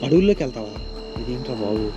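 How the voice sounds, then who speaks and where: A man vlogging a ghost hunt in a forest, talking straight to his viewers and shouting when startled. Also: mid-range voice, animated, very fast, highs cut off. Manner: addresses viewers as "guys", shouts and yells when scared. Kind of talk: excitable horror vlog narration. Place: outdoors in a forest. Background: background music, crickets.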